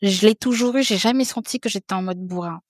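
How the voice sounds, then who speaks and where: A woman's voice: medium pitch, quick pace, no echo, clean studio sound. Frank, chatty woman in her thirties. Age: 30s. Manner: frank, chatty, repeats words and restarts. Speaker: podcast guest. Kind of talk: casual conversation.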